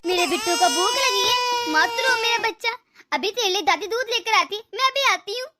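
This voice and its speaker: A woman's voice: very high voice, animated, fairly quick, very noisy. A woman voicing a tired, grumbling older mother-in-law in a cartoon, weary and self-pitying. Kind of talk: cartoon dub voice acting.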